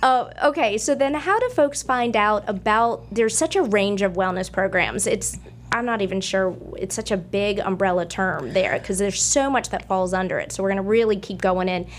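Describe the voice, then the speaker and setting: A woman's voice: medium pitch, moderate pace, a little hiss or hum. A woman in her fifties hosting a talk show, upbeat and chatty as she introduces her guests. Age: 50s. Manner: upbeat, chatty, laughs easily. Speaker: show host. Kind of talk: casual radio talk.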